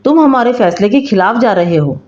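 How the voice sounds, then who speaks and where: A woman's voice: fairly high pitch, expressive, normal speed, darkish tone, natural voice. A woman voicing a commanding male emperor who speaks regally, calling himself "we", in a storybook reading. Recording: roomy, slightly dull recording.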